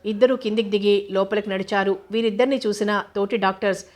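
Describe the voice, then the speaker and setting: Woman narrator, novel reading, steady and flat. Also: medium pitch, quick pace. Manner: calm, even storytelling.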